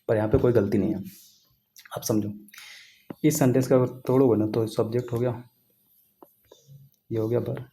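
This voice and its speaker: Guy teaching grammar, keeps asking if u follow, warm low-key voice. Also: slight background noise. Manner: repetitive, asks students questions, writes on a board. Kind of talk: casual classroom explanation.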